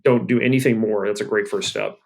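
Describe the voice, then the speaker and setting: Animated male professor guest. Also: fairly low pitch, brisk, gravelly. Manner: animated, laughs, repeats words. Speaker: guest author, math professor. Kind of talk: conversational interview answers.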